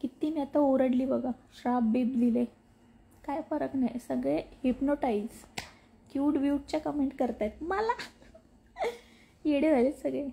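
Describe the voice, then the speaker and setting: A woman creator chatting casually as she reads and answers her followers' comments, mock-scolding and teasing them with a sharp tongue. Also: high-pitched, unhurried, vocal fry, long pauses. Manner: bursts of laughter and mock scolding. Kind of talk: casual chat reading and replying to comments.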